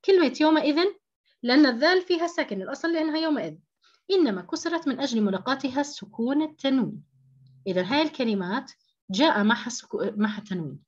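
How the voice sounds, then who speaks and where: A woman's voice: fairly high pitch, dull audio. A woman teaching an online tajweed lesson, explaining step by step, repeating key terms and asking rhetorical questions. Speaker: Quran recitation teacher.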